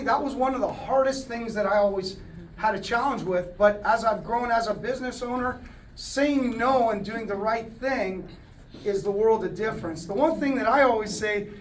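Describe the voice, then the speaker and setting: This man, who runs a contracting business, gives a plainspoken speech at a company party, full of fillers and restarts. His voice sits high, with slight background noise. A distant mic picks him up in a crowded indoor event hall.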